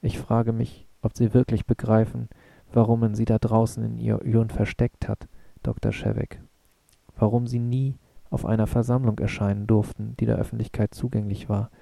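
Rebel leader read by a male narrator; insistent, dark, flat, dry. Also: fairly low pitch, gravelly, no echo. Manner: urgent, insistent.

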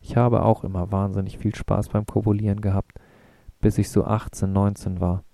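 A man's voice: fairly low pitch, level tone, normal speed, gravelly, warm tone, dry recording. A man voicing a blunt, frank young woman on a hike, read in an audiobook in a plain, direct way. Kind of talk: audiobook reading.

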